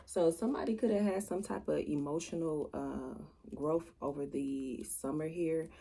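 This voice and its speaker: A woman with a raspy voice, chatting casually to viewers as a tarot reader in a monotone, matter-of-fact way. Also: sits low, moderate pace. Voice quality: raspy, gravelly. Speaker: tarot reader hosting a channel.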